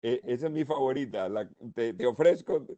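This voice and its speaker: Rambling man with a dark voice. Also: mid-range voice, moderate pace, muffled recording. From Colombia. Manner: animated, rambling, laughs between points. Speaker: panelist. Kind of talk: seminar panel discussion.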